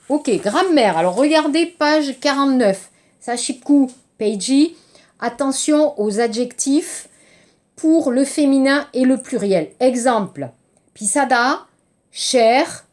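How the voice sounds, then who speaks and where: A woman's voice: on the high side, a little mellow. A middle-aged woman teaching a French lesson, explaining patiently and often checking with "d'accord?", glossing words in Korean and English. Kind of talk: language lesson.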